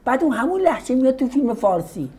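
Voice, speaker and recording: A man's voice: very high voice, big pitch swings, a little mellow, husky. A man hosting an interview, curious, laying out a point before asking his question. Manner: curious, builds a point then asks. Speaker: interview host.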